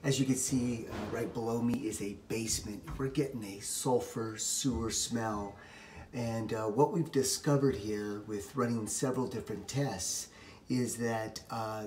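A middle-aged home repair contractor with a lowish, darkish voice walks through a basement job step by step in plain talk, dropping lots of "uh" fillers. It's a how-to walkthrough in a small indoor basement, with a little hiss or hum on the recording.

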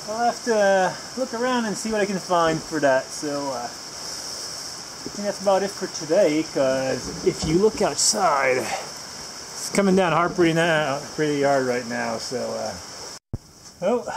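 Man, home garage, rambling casual chat, dry self-mocking, loud insect chirping behind. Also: high voice, background noise. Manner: rambling, with frequent filler words. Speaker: host. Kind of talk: casual chat while working on a vehicle.

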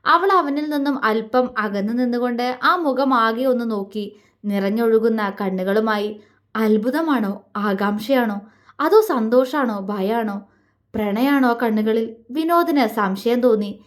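A woman reading a romance story aloud, narrating in a soft, steady way. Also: a little high, unhurried.

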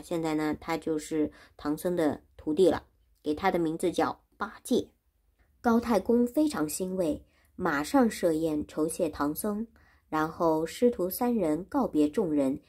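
A woman's voice: low voice, darkish tone, breathy edge. A woman teacher reading a classic story aloud and explaining it for learners, repeating and rephrasing things in simple words. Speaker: Chinese teacher.

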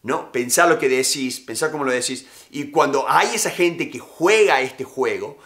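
A man's voice: mid-range voice, animated, normal speed, fairly bright tone. A man teaching negotiation tactics in casual, emphatic talk, often repeating his key phrases. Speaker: negotiation instructor.

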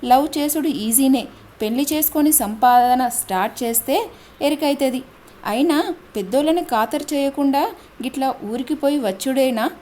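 A man's voice: very high-pitched, moderate pace, a little mellow. A woman voicing an angry middle-aged village man who scolds bluntly. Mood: scolding.

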